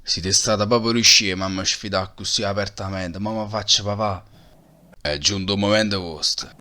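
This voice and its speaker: A man's voice: lowish voice, fairly even intonation, moderate pace, bright, forceful tone, a little hiss or hum. A man voicing a taunting, threatening alien warrior villain with a Neapolitan accent in an amateur cartoon parody dub. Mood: cold, threatening. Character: menacing, mocking male alien warrior villain. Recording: music behind the voice.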